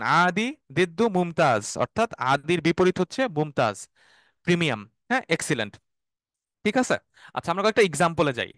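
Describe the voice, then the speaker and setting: A man teaching an online Arabic class, explaining terms slowly, repeating them and checking often that students follow. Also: sits high, a bit bright, dry recording, clean studio sound. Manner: has students repeat words after him.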